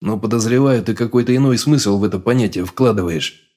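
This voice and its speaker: A man doing a calm, growling mutant sage. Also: close to an everyday voice. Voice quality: low growling voice. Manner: calm, unhurried. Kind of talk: audiobook character voice.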